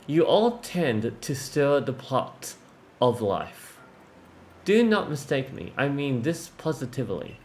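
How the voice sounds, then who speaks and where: A man reading aloud the lines of a calm, wise old woman sage, slow and soft, with a lively pitch. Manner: reads slowly and softly, measured. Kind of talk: reading game dialogue aloud.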